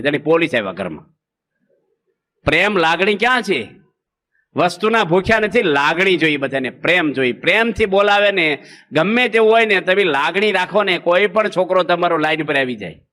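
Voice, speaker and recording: Man, humorous sermon, folksy, high-pitched voice. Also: lively intonation, brisk, bright, forceful tone. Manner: folksy, acts out village anecdotes with quoted voices. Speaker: Swaminarayan monk preacher.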